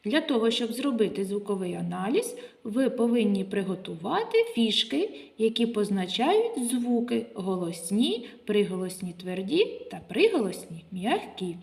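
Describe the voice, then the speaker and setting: A woman's voice: mid-range voice, big pitch swings, creaky, darkish tone. A woman kindergarten teacher speaking Ukrainian with a local accent, leading a literacy lesson for small children and asking them questions. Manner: slow, sing-song teacher talk with questions to children.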